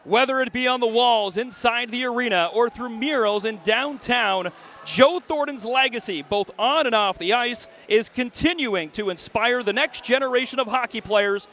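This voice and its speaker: A man's voice: extremely high pitch, normal speed. A man narrating a hockey recap and calling the play-by-play, building energy as the action heats up. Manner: energetic, rising for goals.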